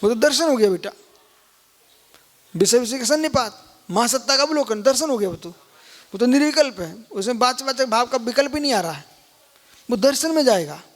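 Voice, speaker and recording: A man's voice: very high voice, animated, moderate pace, pauses often. A man, a Jain monk, giving a live scripture lecture and keep prodding listeners with questions. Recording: long hall reverb.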